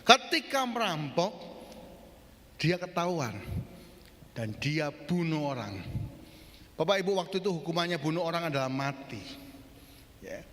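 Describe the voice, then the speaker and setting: A pastor tells a sermon story with lots of life and feeling, turning often to his congregation. His voice sits somewhat high and bright. It rings through a big church hall with a long tail of echo. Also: animated, a little slow, long pauses. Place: church in Surabaya.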